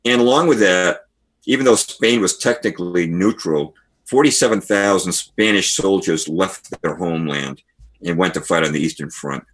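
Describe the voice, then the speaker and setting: Man, guest author, deep voice, husky tone, storytelling, reads book passages aloud. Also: normal speed, a bit bright. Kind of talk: podcast interview, explaining history.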